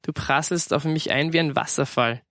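A man's voice: fairly high pitch, moderate pace, a bit bright, dry recording. A man voicing a tired working mother who speaks dryly and wearily in a storybook reading. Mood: exasperated. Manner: dry, weary.

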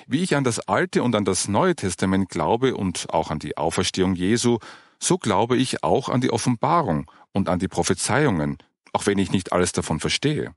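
A man voicing a patient woman who explains matters of faith, in an earnest, gentle manner. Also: fairly low pitch, sing-song, moderate pace, no room sound, clean studio sound. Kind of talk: audiobook character reading.

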